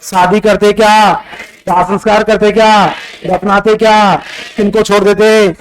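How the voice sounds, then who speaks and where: A male teacher, quizzing a classroom in a rapid-fire exam-prep lecture and scolding students as he goes. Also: high voice, flat delivery, a little hiss or hum, low-quality recording.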